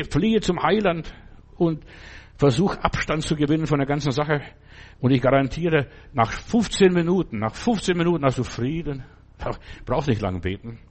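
A man's voice: medium pitch, darkish tone, breathy edge. A middle-aged man preaching a sermon in a fervent, colloquial way, often checking in with his listeners. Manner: fervent, colloquial, keeps asking "verstehst du?".

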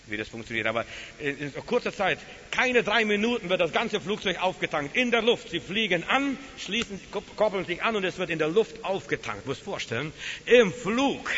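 A man preaching with a bright, ringing voice, pitched a little high, in a long-echoing hall. He tells his stories emphatically, sinking into quiet, hushed stretches and then climbing back to loud calls. The recording is dull, with a faint hiss behind him. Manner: emphatic storytelling, dropping to hushed tones then rising. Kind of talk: sermon.

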